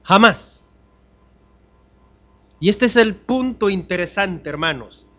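In church, a male pastor gives a sermon in an expressive, slow voice, with the high frequencies cut off in the recording. He throws rhetorical questions at the congregation, shifting between loud emphasis and hushed, low drops.

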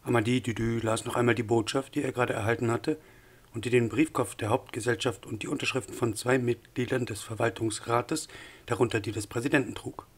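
A man reading an audiobook in a measured, even narration with a husky voice. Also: mid-range voice. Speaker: audiobook reader.

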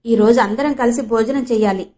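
A woman's voice: fairly high pitch, brisk, warm tone, close to an everyday voice. A woman voicing a fussy, squeamish young city man who scolds in a raised voice in an audiobook. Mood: scolding.

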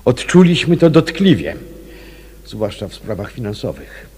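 An actor playing an aggrieved, unctuous brother of a religious sect in a radio drama, speaking solemnly and formally. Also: male voice, medium pitch, big pitch swings, a little slow, dark tone, breathy edge.

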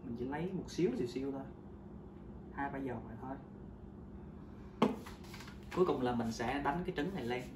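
Fairly quick but pausing often, a thirties-aged Vietnamese man walks viewers through his homemade recipe in a chatty cooking vlog, hesitating frequently in a mid-range voice. He stands far from the counter-mounted camera mic, so the indoor kitchen sounds roomy, off-mic, and loud with background noise.

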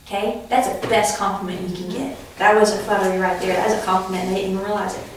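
A woman's voice: medium pitch, fairly even intonation, fast talker, background noise. A woman teaching a preaching class in a conversational, storytelling way, laughing now and then as she tells anecdotes. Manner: conversational, anecdotal, laughs while telling stories. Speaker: Bible teacher. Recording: echoey room, voice from far off.

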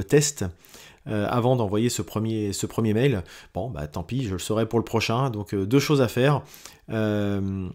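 A podcast host with a mid-range, slightly mellow voice talks through his weekly audio diary. He speaks haltingly, full of fillers and restarts.

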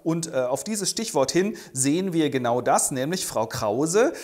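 A man's voice: on the high side, animated, a little slow, darkish tone. A man narrating a humorous retelling of a stage play, ironic and chatty, with filler sounds.

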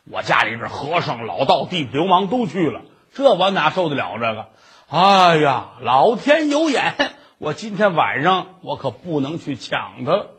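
A man's voice: on the high side, big pitch swings, breathy edge, voice pushed down, heavily acted. A man doing a blustering tavern keeper. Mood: relieved. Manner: blustering, quick to shout. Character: flustered middle-aged male tavern keeper.

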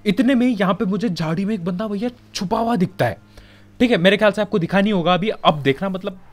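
A man's voice: high-pitched, quick pace. A young man with a Hindi accent giving casual, joking commentary over his own game footage. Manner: chatty, joking, colloquial filler-heavy. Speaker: gaming commentator.

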